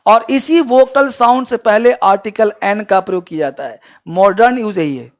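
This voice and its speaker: A man's voice: high voice, normal speed. A man teaching an online English class in Hindi, asking his students questions and answering them himself. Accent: Bhojpuri-region Hindi.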